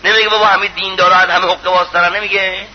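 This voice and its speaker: A man preaching a sermon in an impassioned, pleading way, swinging between loud appeals and hushed lines. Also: high-pitched, level tone. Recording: muffled lo-fi recording with faint hiss.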